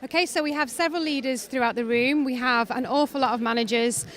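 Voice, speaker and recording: A woman from Wales who works as a creative director is interviewed backstage at a fashion show. Speaking in a Welsh accent, she is brisk, confident and articulate, and her voice is high-pitched and fairly bright.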